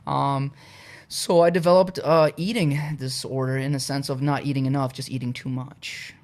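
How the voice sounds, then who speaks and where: A young adult man from Poland, a podcast guest talking through his personal story in a relaxed, casual way, with frequent "uh" and "you know". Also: mid-range voice, normal speed.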